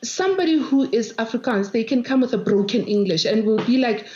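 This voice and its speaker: Woman, South African accent, native Venda speaker, expressive, panel discussion, echoey dull recording. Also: fairly high pitch, brisk, noisy background. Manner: expressive, animated, laughs while speaking. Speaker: panel guest. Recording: roomy, dull lo-fi sound.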